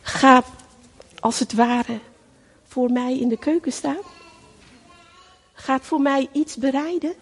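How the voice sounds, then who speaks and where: A woman's voice: high-pitched, slow, long pauses, breathy edge, in a large hall. A middle-aged woman preaching a sermon in a fervent, emphatic way, repeating her phrases for weight.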